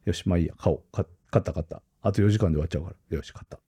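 A man's voice: deep voice, rapid-fire, dark tone, breathy edge, no room sound. A man co-hosting a casual tech podcast, laughing often and telling stories with animation. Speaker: podcast co-host.

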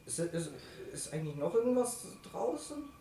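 A young male player improvises his part at a tabletop game with a very animated pitch. He often stammers and repeats himself. The mic is distant and the room is echoey. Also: normal speed, background noise. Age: young adult. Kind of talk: improvised in-character chat.

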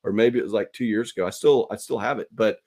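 A man's voice: lowish voice, fast talker, darkish tone. A middle-aged man hosting a podcast in casual chat, self-mocking and full of restarts. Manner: self-deprecating, stumbling restarts. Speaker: podcast host.

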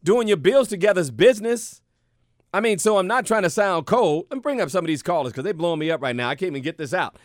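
A middle-aged man hosting a radio talk show, speaking in a lively, conversational way and repeating his points for emphasis. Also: high-pitched, quick pace, dry recording, studio quality. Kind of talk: casual radio talk monologue. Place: radio studio.

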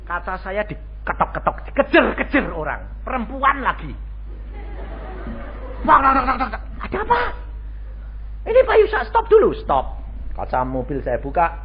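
A male pastor, preaching a sermon and acting out voices as he tells stories. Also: high-pitched. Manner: animated storytelling, acting out dialogue voices. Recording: dull lo-fi radio stream with faint noise.

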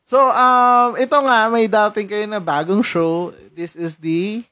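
A young podcast host from San Mateo, Rizal, in the Philippines, speaks slowly in a high, fairly even voice over a noisy background. He chats casually on his own show, laughing a lot and switching between Tagalog and English.

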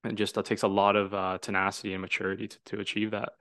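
A man's voice: on the low side, monotone, fast talker, bright, forceful tone, no echo, studio quality. A man in his twenties from Toronto, hosting a casual podcast conversation in an earnest, reflective, rambling way. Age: 20s. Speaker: podcast host.

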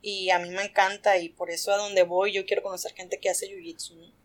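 A young adult woman with a Mexican accent, telling stories as a guest in a casual chat, animated and slangy, laughing often. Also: mid-range voice, a little fast.

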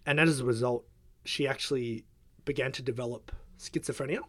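A man's voice: mid-range voice, steady tone, a little fast, dry recording. Hesitant young man, dry sound. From Australia. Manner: hesitant, filler-heavy, soft-spoken. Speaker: guest. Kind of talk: casual interview chat.

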